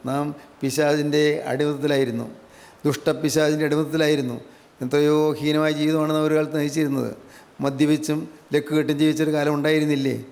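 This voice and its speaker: An older man preaching a gospel sermon, repeating his phrases in a steady, emphatic cadence. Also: fairly high pitch, a little fast. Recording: long hall reverb.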